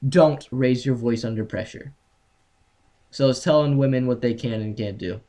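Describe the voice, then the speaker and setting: Young guy podcast host, cursing and ranting, reads a list out loud. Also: mid-range voice, moderate pace. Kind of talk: casual podcast banter.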